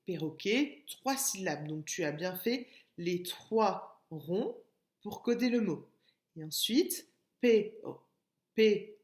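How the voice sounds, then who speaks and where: In an echoey room, a French-accented woman teaches small children remotely in a recorded lesson. She speaks slowly in a low, sing-song voice, repeating words patiently and splitting them into syllables as a kindergarten teacher would.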